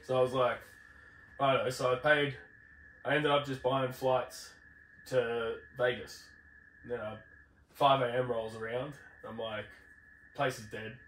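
A man's voice: medium pitch, steady tone, a little slow, pauses often, a bit bright. A man with an Australasian accent chatting casually and telling stories in a blokey, slangy, sweary way. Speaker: podcast host. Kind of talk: casual chat, telling travel anecdotes. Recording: roomy, distant mic, faint background noise.

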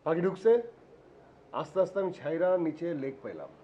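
An actor playing a boastful, bossy young would-be film director in a TV drama. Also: male voice, fairly high pitch, sing-song, mellow. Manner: boastful, bossy, fast-talking. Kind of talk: TV drama acting.

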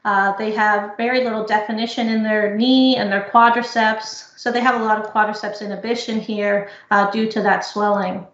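A woman's voice: mid-range voice, fairly even intonation, fairly bright tone, dull audio. Woman presenting over an echoey video call. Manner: explanatory, measured, frequent uh fillers. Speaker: physical therapy researcher presenting. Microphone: computer mic on video call.

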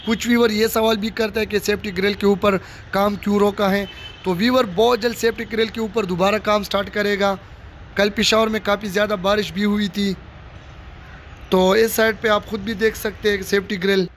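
Outdoors at a stadium under construction, a man vlogs a casual walking tour, holding the phone camera himself. He speaks briskly in a high, slightly bright, flat voice, addressing viewers directly and reusing the same pointing-out phrases, while faint outdoor noise stays in the background.

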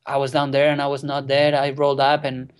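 A Catalan-speaking man in his twenties, talking English as a second language, excitedly recounts a wild kayaking story as a guest in a casual storytelling interview, swearing freely. His mid-range voice is smooth and brisk, coming over a remote call.

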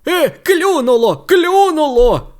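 A man voicing an excitable young male dinosaur in a children's audio story, blurting out squeaky, excited exclamations. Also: slow pace, exaggerated voice.

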